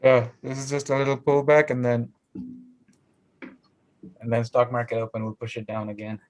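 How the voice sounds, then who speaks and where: A man's voice: medium pitch, moderate pace. Casting: laid-back man, market chat on a live stream, easygoing and chuckling. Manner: relaxed, chuckling, talks over others. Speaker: trading stream host. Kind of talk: casual live trading chat.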